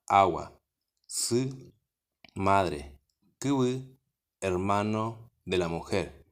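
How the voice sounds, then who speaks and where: A man with a Paraguayan Spanish accent reads a vocabulary list one word at a time. His voice sits very low, and he takes each word with careful, unhurried pauses. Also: a bit bright. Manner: slow, deliberate word-by-word dictation. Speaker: language teacher. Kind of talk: reading out a vocabulary lesson.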